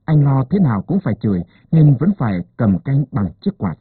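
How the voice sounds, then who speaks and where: A man narrating a story as an expressive audiobook reader. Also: medium pitch, brisk, slightly rough, dry recording. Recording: narrow phone-like dry sound.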